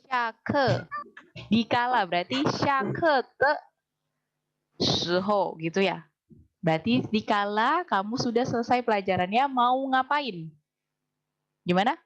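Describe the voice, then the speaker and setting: A woman teaching a language class. She explains things patiently, slows right down to drill phrases, and keeps quizzing her students. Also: on the high side, lively intonation, muffled recording. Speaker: Mandarin teacher.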